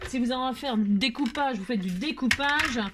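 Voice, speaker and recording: A woman's voice: sits high, fairly quick, background noise. A woman hosting a casual craft tutorial, chatting in a rambling, self-mocking way with frequent laughs and asides.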